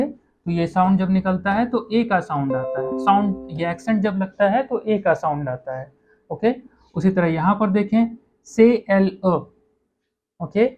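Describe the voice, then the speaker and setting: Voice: mid-range voice, expressive, unhurried, narrow, tinny audio. A teacher giving an online lesson on French pronunciation, speaking patiently, often saying "okay" and correcting small slips.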